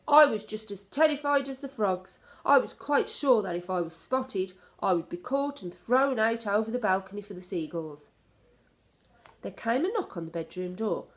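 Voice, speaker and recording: A woman with a medium-pitched voice reads a children's story aloud at a moderate pace. Her narration is expressive, in the style of a storybook reader.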